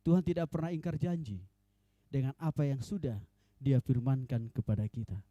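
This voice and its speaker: A man preaching a sermon in church as pastor, animated and mixing in joking asides. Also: mid-range voice, moderate pace, no echo, muffled recording.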